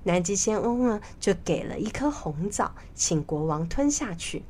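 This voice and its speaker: A woman narrating a children's story in a slow, expressive way with drawn-out pauses. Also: medium pitch.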